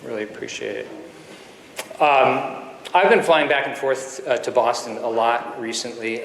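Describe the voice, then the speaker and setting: A man's voice: medium pitch, a bit bright, a little hiss or hum. Storytelling male surgeon in an echoey hall. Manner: storytelling, earnest, with pauses and fillers. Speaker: guest speaker, surgeon. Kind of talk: keynote speech with anecdotes. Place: conference hall. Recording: echoey hall with faint ambience.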